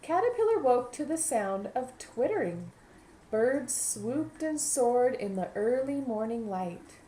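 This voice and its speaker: A woman's voice: on the high side, very animated, slow pace, dark tone, a little hiss or hum, poor audio. A woman, a kindergarten teacher, reading a children's story aloud and adding teaching asides.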